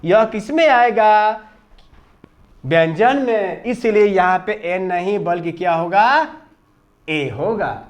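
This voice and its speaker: Hindi-accented guy teaching grammar, high voice, slow and repetitive. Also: highs cut off. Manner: call-and-response drilling, repeats questions to pupils. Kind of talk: classroom lesson. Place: classroom.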